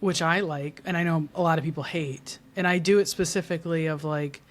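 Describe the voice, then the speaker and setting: A woman's voice: deep voice, steady tone, a little fast. A woman who works in marketing, a podcast guest who talks in a bubbly, rambling way with many fillers and frequent laughs. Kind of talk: casual podcast conversation.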